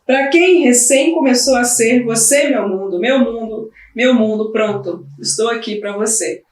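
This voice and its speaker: A woman's voice: fairly high pitch, a little slow, lightly acted. A woman voicing a worn-out new mother pleading with her baby, weary and close to tears. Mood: tender, pleading. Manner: weary, pleading, breaking into tearful cries. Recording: roomy, from the mic at a distance.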